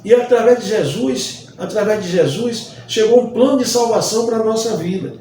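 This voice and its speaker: A man's voice: sits high, a little fast, a little mellow, slight background noise. A man from Bahia, a Baptist pastor, teaching a Bible study lesson earnestly and repeating phrases for emphasis. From Bahia, Brazil. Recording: distant mic, very echoey room.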